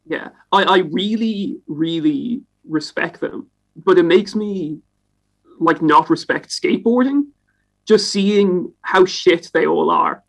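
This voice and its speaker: Male podcast co-host with a high voice; loose, sweary storytelling. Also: takes it slowly, gravelly, poor audio. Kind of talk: casual podcast chat. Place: home, in Edinburgh.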